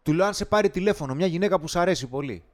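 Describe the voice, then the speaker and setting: A man in his late thirties co-hosting a podcast, telling animated stories and acting out little quarrels. His pitch jumps around a lot while he talks, and his voice sits in the middle register for a man. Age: 30s. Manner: animated storytelling, acts out quarrels. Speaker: podcast co-host. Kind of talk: casual chat.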